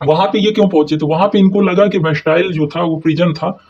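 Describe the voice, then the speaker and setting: A man's voice: sits high, fairly even intonation, fairly quick, a little mellow. A man teaching history exam notes, who keeps asking and answering his own questions and checks in often with the listener. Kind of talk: explaining exam notes in a mix of Hindi and English. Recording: dull, lo-fi recording.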